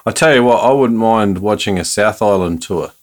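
A man's voice: fairly low pitch, normal speed. A man hosting a podcast, chatting casually with a guest and listeners. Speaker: podcast host. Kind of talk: casual interview chat.

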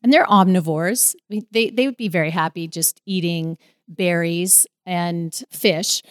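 A woman telling a personal story in a casual, animated way, with vivid retelling. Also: fairly low pitch, a little slow, no room sound. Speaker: storyteller guest.

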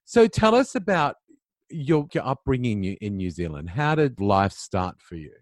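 A man's voice: mid-range voice, sing-song, normal speed, no echo, clean studio sound. A man hosting an interview podcast, introducing his guest and responding to her with effusive, affirming remarks. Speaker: podcast host.

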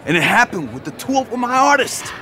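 An actor playing an enthusiastic, persuasive music label boss. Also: male voice, sits high, big pitch swings, a little fast, pushed and bright, a little hiss or hum, exaggerated voice. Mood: eager. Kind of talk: audio drama acting.

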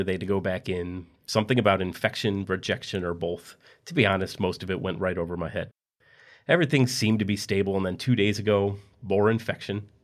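A man reading a dark story aloud in a steady, matter-of-fact narration. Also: sits low.

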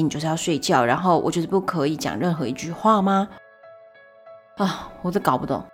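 A young woman hosting a solo podcast, telling stories in a chatty, animated way with exasperated asides. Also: on the low side, breathy edge. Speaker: podcast host.

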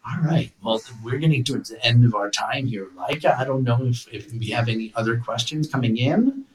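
A man's voice: medium pitch, fairly quick, a crowd in the background. A man interviewing a winemaker, chatty and prone to restarts as he frames his questions. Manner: conversational, restarts and stammers while framing questions. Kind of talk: casual interview over an online audio room. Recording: distant from the mic.

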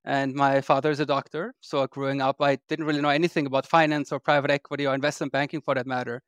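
Smooth-voiced man from Austria. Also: mid-range voice, little pitch movement, quick pace, no echo. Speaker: guest investor. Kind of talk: podcast interview.

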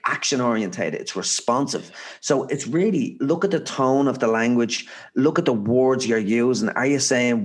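Podcast guest: Irish male, mid-range pitch, earnest, emphatic motivational talk in a conversational style. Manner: earnest, emphatic, repeats phrases for stress. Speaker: podcast guest, author and speaker.

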